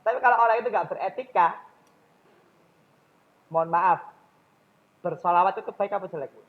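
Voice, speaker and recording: A man's voice: high-pitched, phone-quality sound. A man with a Javanese accent giving a public speaking lecture in a mosque, often questioning his audience directly.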